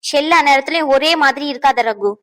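A woman's voice: a little high, steady tone, fairly quick, close to an everyday voice, rough recording. A woman voicing a firm female doctor in a cartoon dub who lectures on hospital rules. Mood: stern. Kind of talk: cartoon dubbing.

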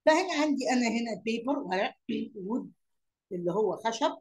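A woman's voice: fairly high pitch, lively intonation, a little fast, a little mellow, slight background noise, rough recording. A woman with an Egyptian Arabic accent teaching young pupils. She repeats words, asks questions aloud and mixes English lesson words into her Arabic explanations.

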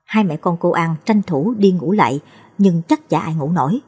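A woman narrates a ghost story in a low, slightly husky voice. Her pitch moves a lot as she tells it. She shifts her pitch to voice each character's lines. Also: expressive, moderate pace, darkish tone.

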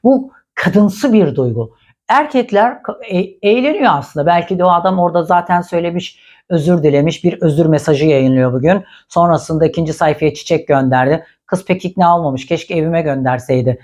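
A woman's voice: on the low side, animated, brisk, darkish tone. A woman commenting on celebrity gossip in a blunt, indignant, scolding way.

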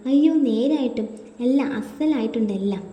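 A woman's voice: on the high side, a little fast, mellow, highs cut off, close to an everyday voice. A woman voicing a polite young married man, a son-in-law who talks in an eager-to-please way, recorded in a roomy space with long reverb.

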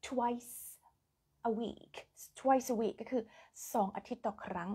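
Chatty, husky Thai woman teaching English. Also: fairly high pitch, takes it slowly, warm tone. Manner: chatty, switches between Thai and English, drills words by repetition. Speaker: English teacher on a live stream. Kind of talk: casual live-stream English lesson. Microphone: phone camera.

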